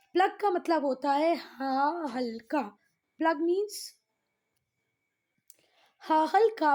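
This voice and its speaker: A woman's voice: sits high, warm tone. An Indian woman teaching a history lesson online, moving between Hindi and English and answering her own questions to the students. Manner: reads English lines slowly and deliberately.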